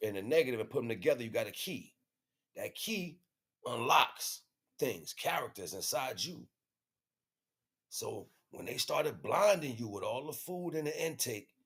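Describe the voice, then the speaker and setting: A medium-pitched male voice with a breathy edge belongs to an American livestream host giving a casual spiritual monologue, using slangy street talk that's emphatic and repetitive.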